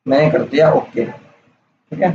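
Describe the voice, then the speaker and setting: A man giving a casual, step-by-step software tutorial over a screen recording, checking in often with the listener. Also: fairly high pitch, slow, gravelly. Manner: casual, explains step by step with "theek hai" checks. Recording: roomy, dull lo-fi sound with faint hiss.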